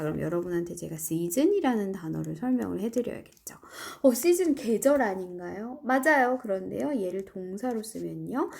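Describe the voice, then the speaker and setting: A middle-aged female teacher leads a recorded online English lesson, walking her students through vocabulary one step at a time. Her voice swings widely in pitch and carries a gravelly edge. Its tone is warm and mellow, and she draws out her English example phrases slowly. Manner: lively, explains step by step, slow drawn-out English examples. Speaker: high school English teacher.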